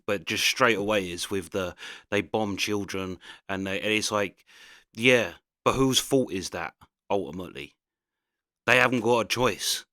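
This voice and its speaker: A man's voice: on the low side, fairly bright tone, no echo, clean studio sound. A man giving casual, opinionated reaction commentary, rambling conversationally with emphatic points.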